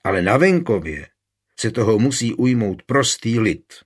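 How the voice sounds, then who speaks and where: A man's voice: fairly low pitch, sing-song, slightly rough. A man reading an urgent, emphatic nobleman calling for armed struggle.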